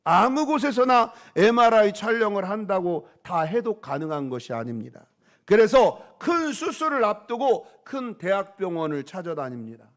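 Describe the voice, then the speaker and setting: A man's voice: sits high, very animated, normal speed. A male pastor preaching a sermon, calling out questions to the congregation and pressing his points with emphasis.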